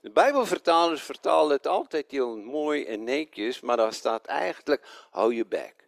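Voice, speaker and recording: A man's voice: mid-range voice, a little slow, vocal fry, no echo. A man preaching a sermon, asking his listeners rhetorical questions and correcting himself as he goes. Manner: animated, rhetorical questions to the congregation; stumbles over names, self-corrects.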